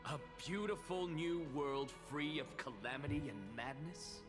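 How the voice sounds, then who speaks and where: An actor playing a haughty, theatrical scholar in a video game, lecturing an assembly with pompous, taunting, villain-like drawl. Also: male voice, on the high side, measured pace, lightly acted. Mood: grand challenge. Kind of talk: video game dramatic acting. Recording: long hall reverb, loud music behind. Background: game music.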